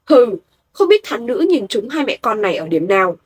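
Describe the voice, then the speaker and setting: A woman's voice: a little high, very animated, moderate pace, breathy edge, no echo, clean studio sound. A woman doing a sneering arrogant young woman.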